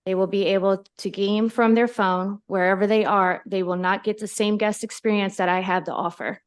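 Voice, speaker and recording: A woman's voice: medium pitch, fairly even intonation, normal speed, clear, resonant tone. A woman reading heartfelt, pleading testimony as a public witness.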